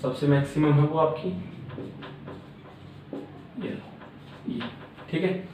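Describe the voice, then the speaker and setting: A man's voice: on the high side, slow, a little mellow. A man teaching circuit theory at a board, explaining step by step and repeating filler words. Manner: repetitive filler-laden explaining, frequent "aapka". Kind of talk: classroom lecture at a board. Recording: very echoey room, mic far off, faint noise.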